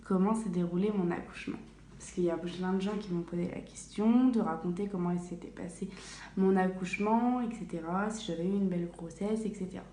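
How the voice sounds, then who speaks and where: A young woman tells a long story in a relaxed, rambling vlog, filling pauses and correcting herself often. Her voice sits a little low and sounds mellow. The small tiled bathroom around her rings with echo, and a faint hum runs underneath. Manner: chatty, many fillers and self-corrections. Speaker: vlogger. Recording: echoey bathroom, faint room ambience.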